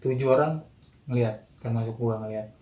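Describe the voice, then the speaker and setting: A young man with a Jakarta accent telling a horror story in casual chat, animated, acting out the quotes. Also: medium pitch, normal speed. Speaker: guest storyteller. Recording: roomy echo, faint noise.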